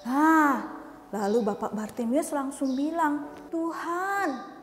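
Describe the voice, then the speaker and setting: A woman teaching Sunday school, telling a Bible story to children in a lively way and asking them questions. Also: sits high, slow pace. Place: church hall. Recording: echoey church hall, faint music.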